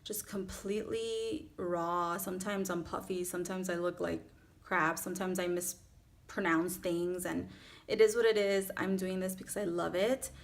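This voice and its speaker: Speaking at a moderate pace with fairly even intonation, this Miami-accented woman in her thirties keeps her fairly low voice chatty and relaxed. She's a beauty vlogger walking through a makeup tutorial indoors, in a small furnished room at home, sounding informal and at ease with herself.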